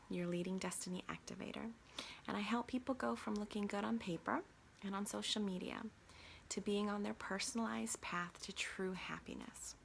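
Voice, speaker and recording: A woman life coach guiding a grounding and breathing exercise, encouraging and often sliding into a soft half-whisper. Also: mid-range voice, creaky, slight background noise.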